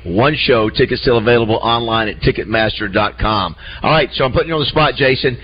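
A man hosts a morning radio show, chatty and upbeat as he questions a guest and plugs an event. His voice sits at a middle pitch. The broadcast sound is a little muffled. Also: a little fast, breathy edge. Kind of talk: radio interview hosting.

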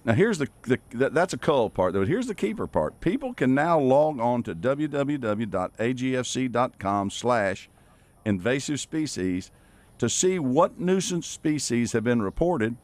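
A man's voice: medium pitch, very animated, unhurried, a little mellow. A man co-hosting a casual outdoor radio talk show in a folksy, joking manner.

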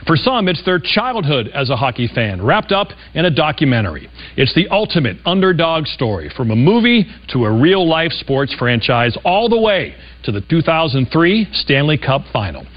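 A man hosts a TV sports show, reading a scripted introduction. His voice sits fairly high and moves in a lively way, with a slightly muffled broadcast sound. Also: normal speed.

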